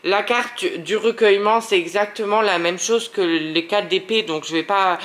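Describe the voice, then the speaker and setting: A man from France doing a casual monthly tarot reading, talking straight to viewers in an animated, self-mocking way. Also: high-pitched, normal speed. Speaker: tarot reader.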